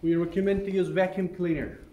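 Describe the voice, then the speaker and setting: A Turkish-accented man with a high, steady, mellow voice speaks briskly while leading visitors through a carpet workshop, patiently explaining every step and checking in with "okay?" along the way. He's recorded from a distance in an echoey, noisy room.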